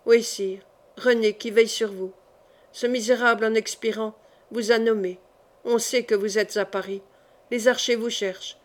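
A woman reading a hushed conspiratorial adviser. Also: steady tone, moderate pace, natural voice. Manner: speaks low and insistently. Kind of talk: audiobook character reading.

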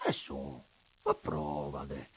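Calm, cunning middle-aged father, husky and low, slow teasing questions, as a reader plays him. Audiobook. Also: exaggerated voice. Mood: probing.

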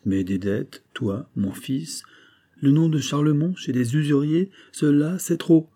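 A man doing a vain old banker dad, talks higher and louder than the narrator, husky and mellow, chummy one moment and scolding the next. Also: a little slow, dry recording, clean studio sound. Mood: reproachful. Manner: familiar, then scolding and exasperated. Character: vain, blustering older male banker father.

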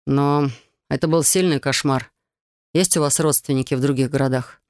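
A man's voice: a little high, fairly even intonation, moderate pace, dry recording, clean studio sound, close to an everyday voice. A man voicing a chilled young male painter who speaks in a formal, reassuring official tone in an audiobook. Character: young male painter, cold, dutiful, polite.

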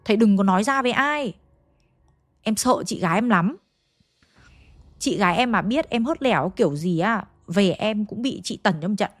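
A woman's voice: mid-range voice, expressive, normal speed, long pauses, no echo, faint music behind, natural voice. A woman with a Hanoi accent voicing a frightened, chatty young schoolgirl who pleads and insists. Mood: pleading. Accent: Hanoi Vietnamese.

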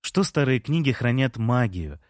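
A man narrating a story in the first person, calm and wry, as in an audiobook. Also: medium pitch, normal speed, no echo, studio quality.

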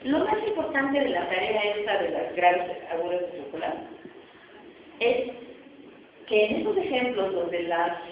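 A woman's voice: mid-range voice, noisy background. Woman lecturing in an echoey classroom. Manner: explanatory, often checks in with "¿no?". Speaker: phonetics professor. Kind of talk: university lecture. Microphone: distant recorder. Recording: echoey, distant, muffled classroom recording.

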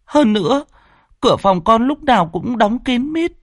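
A man's voice: very high voice, expressive, moderate pace, no echo, clean studio sound, voice pushed up. A man doing a stammering scared teen girl. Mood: fearful. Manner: stammering, pleading. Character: frightened pregnant teenage girl, stammering.

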